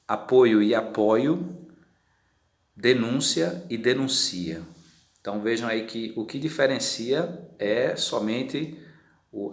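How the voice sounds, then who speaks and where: A man's voice: mid-range voice, fairly bright tone. A man, teaching a recorded grammar lesson. He explains patiently, often adds tag questions and draws out words when he gives examples. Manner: drawn-out, slowed words when giving examples. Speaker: Portuguese teacher. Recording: echoey room.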